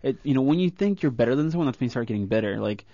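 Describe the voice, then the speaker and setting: A young comedian from rural Florida, a guest in a radio studio, talks earnestly and reflectively about his past in a casual interview, using fillers. His medium-pitched, mellow voice is animated and racing. The dry recording has a dull lo-fi studio sound.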